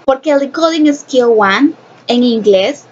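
A woman's voice: sits high, animated, takes it slowly, darkish tone. A woman teaching an English phonics lesson, explaining step by step, repeating herself and asking rhetorical questions, switching between Spanish and English. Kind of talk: recorded classroom lesson. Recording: dull lo-fi sound with faint noise.

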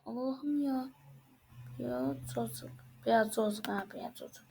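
A fairly high-voiced woman talks through a game in casual commentary. She reacts excitedly and often exclaims as things happen on screen. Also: slow pace, a little hiss or hum. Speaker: game channel host.

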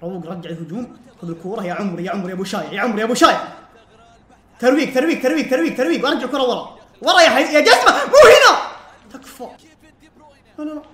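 A man commentating his own football video game play, swinging from muttering to shouting and laughing. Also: high voice, very fast. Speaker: gaming streamer. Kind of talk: casual gameplay commentary. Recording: roomy sound with loud game music.

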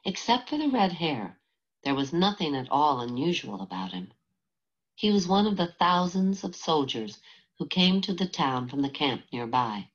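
A woman reading a novel aloud as an audiobook narrator, in a steady, measured way. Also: sits low, husky, highs cut off. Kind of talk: scripted narration.

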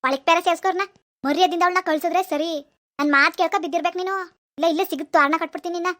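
An actor voices an enraged village father in a cartoon, hurling threats and curses. The voice is oddly high and fast for a father. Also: steady tone. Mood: threatening. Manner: shouting threats and insults. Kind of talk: animated village drama.

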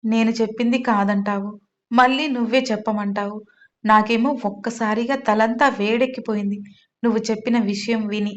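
A woman's voice: a little high, steady tone, moderate pace. A woman hosting her own channel, narrating a serialized audio story and reading every character's lines herself with little change of voice. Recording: slightly dull, lo-fi sound.

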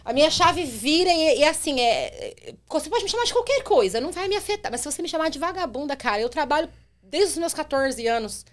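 Lively young São woman, higher voice. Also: fast. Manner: animated, acts out quotes in her telling. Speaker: rideshare driver guest. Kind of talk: podcast storytelling.

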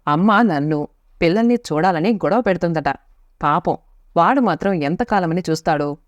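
A woman's voice: on the low side, animated, moderate pace, dry recording, close to an everyday voice. A woman narrator voicing a weary middle-aged husband who answers his wife curtly and with exasperation, in a storybook reading. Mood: pleading. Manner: exasperated, curt. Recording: dry, slightly muffled lo-fi recording.

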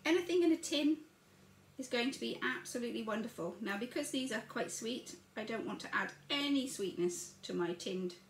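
Her voice sits on the high side and is animated, at a normal speed, with slight background noise. An older home cooking vlogger, she chats through making breakfast and narrates each step while working, recorded by a camera across the counter in an echoey, dish-clattering kitchen.

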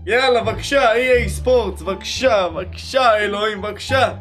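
A young man giving excited, slangy commentary while opening game packs, pleading for good cards and shouting at big pulls. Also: sits high. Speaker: gaming YouTuber. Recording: music playing underneath.

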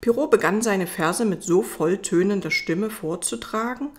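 A woman reading a fairy tale audiobook as its narrator, in a calm storytelling manner. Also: medium pitch, moderate pace.

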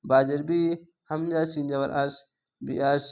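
Male Quran tutor, measured syllable-by-syllable drills, slightly high, crisp tone. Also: little pitch movement, darkish tone. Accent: Bangladeshi Bengali. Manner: spells syllables letter by letter, drawls long vowels. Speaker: Quran reading teacher. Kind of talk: slow spelled-out recitation lesson.

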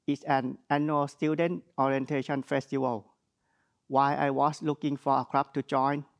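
A young man speaks with a clear Thai accent, delivering an earnest prepared speech with plain wording and a few light jokes. His voice sits in an ordinary middle pitch, and he was recorded at a podium in a studio. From Thailand. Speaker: graduate speaker. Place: studio with virtual backdrop.

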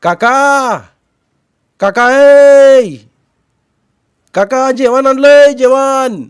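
A man voicing a young village man in a spoken storybook, calling loudly and anxiously across a dark stream. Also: very high-pitched, extremely slow, clear, resonant tone, pitched above the performer's own voice, heavily acted. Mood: shouting.

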